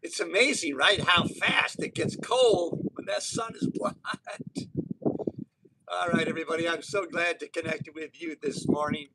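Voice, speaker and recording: A man's voice: on the high side, lively intonation, a little slow, gravelly, very noisy. A man in his sixties live-streaming outdoors on an island, talking in a rambling, motivational way with many restarts. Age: 60s. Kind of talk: casual live-stream monologue. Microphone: phone or camera for a live stream.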